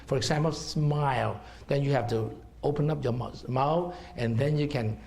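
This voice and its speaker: A middle-aged man with a Hong Kong accent, a herbal doctor, gives a seminar talk in a seminar room, explaining to listeners and asking "okay?" along the way. His mid-range, darkish voice has vocal fry and a normal speed, with a little hiss or hum on the recording.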